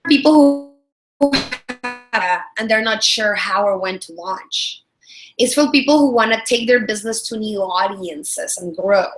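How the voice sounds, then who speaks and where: A Salvadoran woman in her thirties, a product strategist and trainer, leads a business webinar in a friendly manner with a Salvadoran Spanish accent, repeating words and leaning on lots of fillers. Her medium-pitched voice is unhurried, with faint music behind her and poor audio.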